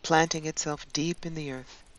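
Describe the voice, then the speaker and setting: A woman hosting her channel and leading a guided meditation in a calm, soothing voice. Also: low-pitched. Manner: slow, calm, soothing delivery with long pauses.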